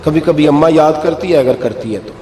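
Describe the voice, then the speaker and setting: Impassioned preacher in an echoey hall. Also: male voice, warm tone, slight background noise. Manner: impassioned, rising to high emphatic exclamations. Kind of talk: sermon. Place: mosque. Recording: echoey hall with music underneath.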